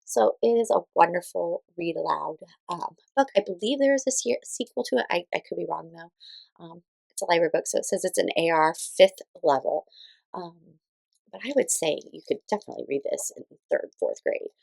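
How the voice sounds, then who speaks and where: Thinking aloud as she goes, a parent in her thirties reviews children's read-aloud books, offering casual, informal, slightly hesitant recommendations. She talks briskly in a lowish, creaky, somewhat mellow voice. The low-quality recording has no echo.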